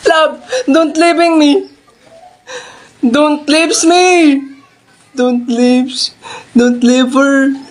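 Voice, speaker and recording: A man's voice: very high-pitched, expressive, a little slow, voice pushed up. Man doing a clingy, whiny girlfriend. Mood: sobbing. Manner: pleading in broken English, sobbing. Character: clingy young woman, the narrator's girlfriend, whiny.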